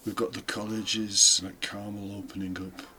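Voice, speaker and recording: This deacon and homily podcast host, a British man, talks at a moderate pace in a lowish, level voice that comes across bright and forceful. His homily is informal, reflective and partly scripted, with explanations dotted with conversational asides, over faint background noise.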